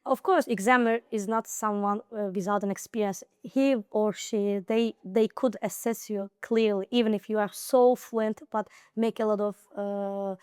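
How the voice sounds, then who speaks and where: A young woman from the Nakhchivan region of Azerbaijan, an IELTS high scorer, speaks English with a Nakhchivan accent as a guest in a casual interview, giving earnest study advice with frequent fillers and restarts. Her mid-range voice is slightly mellow and clean, with fairly even intonation, normal speed and few pauses. The sound is clean studio quality with no echo.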